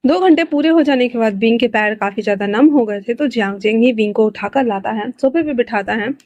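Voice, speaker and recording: A woman's voice: a little high, a little fast, a little mellow, no room sound, lo-fi sound. A woman narrating a fan-fiction story in a chatty, colloquial way, dropping in English words.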